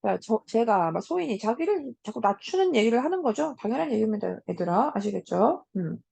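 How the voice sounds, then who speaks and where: A woman teacher giving a casual lecture on a classic story, talking straight to her students with many soft hums between points. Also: a little high, big pitch swings, fairly quick, vocal fry, breathy edge. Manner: casual, talks to students as 얘들아 with frequent hums.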